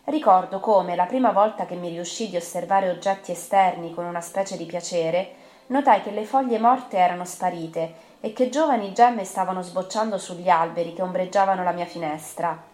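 A woman reading a first-person novel aloud in a measured, expressive way. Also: on the low side. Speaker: audiobook reader. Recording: roomy with faint music.

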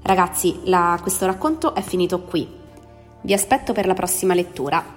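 A woman reading a story aloud, narrating in an expressive, steady way. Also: on the low side, normal speed. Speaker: story reader. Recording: long reverb, faint music behind.

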